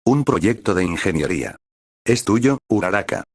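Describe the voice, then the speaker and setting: A man reading the lines of an earnest, devoted teenage boy hero in an even, unchanged voice. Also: deep voice, normal speed, no echo, studio quality. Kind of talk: scripted fanfic reading.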